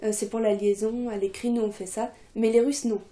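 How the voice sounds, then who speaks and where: A young adult woman giving a casual video lesson, relaxed and chatty with many fillers. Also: a little high, a little fast, roomy sound. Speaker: Russian teacher, channel coordinator.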